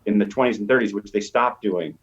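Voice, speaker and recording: Speaking briskly in a lowish voice, a man who is a media professor talks as a guest expert, reasoning aloud in a conversational, explanatory way over a slightly dull, lo-fi line.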